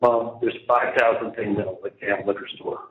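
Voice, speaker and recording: Speaking through a jail telephone handset, a man with a lowish, level voice chats casually at a moderate pace. He rambles at length, repeats himself emphatically, and frequently leaves sentences unfinished. The line is muffled, echoey, and noisy.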